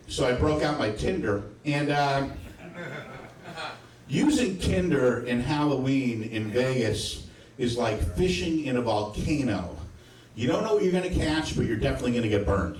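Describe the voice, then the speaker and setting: Stand-up comic, male, fifties, crude and rambling, heard from back in a roomy club. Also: medium pitch. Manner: crude, rambling, with frequent asides to the audience. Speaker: stand-up comedian. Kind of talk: live stand-up set. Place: comedy club stage. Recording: roomy, distant club recording.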